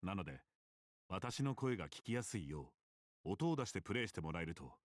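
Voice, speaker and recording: Courteous game master narrator for a card game: low voice, dry and close, soft and measured, with lots of movement in the line. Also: male voice, very animated, no echo. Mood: welcoming. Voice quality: soft, intimate, close to the ear. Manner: polite and measured.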